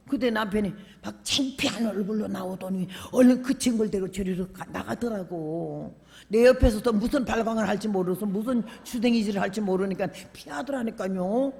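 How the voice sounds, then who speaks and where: An older woman preaching a revival sermon in a church, her voice gravelly and worn. She talks in an animated, colloquial way and acts out conversations as she goes. Her voice rings with a long reverb through the hall. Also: on the high side. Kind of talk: sermon with personal storytelling. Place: church sanctuary.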